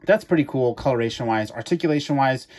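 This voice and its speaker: A man's voice: medium pitch, quick pace, darkish tone. A man giving an enthusiastic, casual toy review to camera, chatty with many fillers and restarts.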